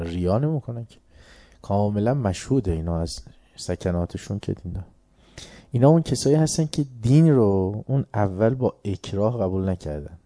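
A man with a lowish, very dark and mellow voice delivers an informal sermon, recorded close and dry. He talks conversationally and keeps turning to his listeners with rhetorical questions. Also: dry recording. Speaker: preacher. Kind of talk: informal religious lecture.

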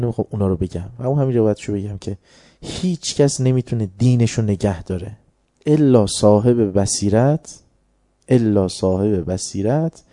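A man with a Tehran accent preaching a sermon, moving from hushed storytelling to loud, emphatic points. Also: on the low side, no room sound, studio quality. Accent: Tehran Persian.

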